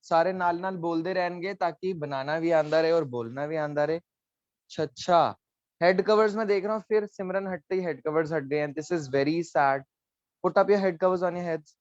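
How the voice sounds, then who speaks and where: A man's voice: fairly high pitch, normal speed, no room sound, lo-fi sound. A man teaching a live online class, explaining letters patiently and coaxing students, dropping in English phrases.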